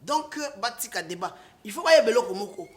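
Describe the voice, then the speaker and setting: A man's voice: high voice, animated, a little fast. Emphatic Congolese man defending a politician. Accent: Congolese French. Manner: emphatic, rising to loud outbursts, with restarts. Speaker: political guest, party supporter. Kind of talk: impassioned political talk, mixing French and Lingala.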